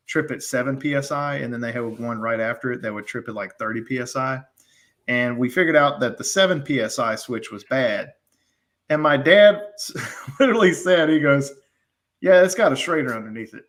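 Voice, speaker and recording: A man, an HVAC technician, telling animated trade stories in casual podcast chat, full of slang. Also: medium pitch.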